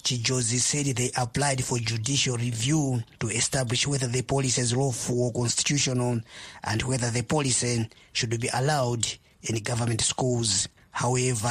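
A man's voice: medium pitch, slightly rough, no echo. A man with a Malawian accent reading a scripted news report as a correspondent.

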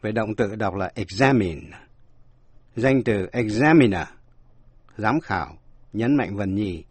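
A man's voice: on the low side, no room sound. A man giving a scripted radio language lesson, explaining word meanings and spelling words out letter by letter. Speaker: language teacher.

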